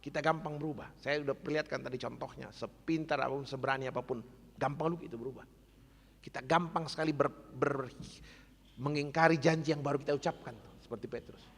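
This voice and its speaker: A man preaching a sermon as pastor, earnest and exhortative, sometimes dropping to soft asides. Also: mid-range voice, fairly even intonation, brisk. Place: church. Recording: echoey church hall.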